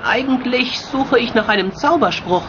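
A woman plays a polite young boy apprentice in a video game. The voice is innocent and eager, with very lively pitch movement, over clear background ambience. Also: normal speed, highs cut off, noisy background, close to an everyday voice. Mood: wondering.

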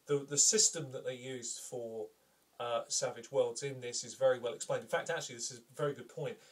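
An enthusiastic man talks straight to a camera in a casual review, rambling and circling back on his points. His voice is picked up from a little distance by the camera mic, at an ordinary mid pitch. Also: steady tone, a little fast. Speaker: game reviewer.

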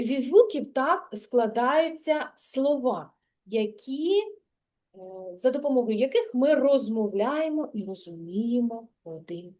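Sing-song kindergarten teacher, high and lively. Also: female voice. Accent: Ukrainian. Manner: sing-song, drawn-out and coaxing, reciting rhymes. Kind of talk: lesson for small children.

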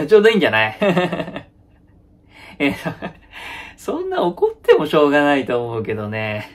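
A man playing a young boyfriend in a one-sided comedy sketch, placating, repeating phrases nervously and laughing awkwardly. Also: mid-range voice. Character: young male boyfriend, placating, avoids any conflict.

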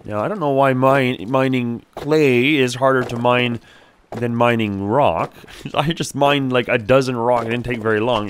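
Male gamer, lively up-and-down delivery, casual gameplay commentary, faint hiss behind. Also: medium pitch. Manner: chatty, animated, talks to game creatures. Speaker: let's play gamer.

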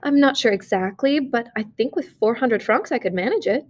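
A woman's voice: a little high, lively intonation, moderate pace. A woman voicing a discontented young wife who longs for luxury, speaking in a plaintive, bitter tone in a storybook reading.

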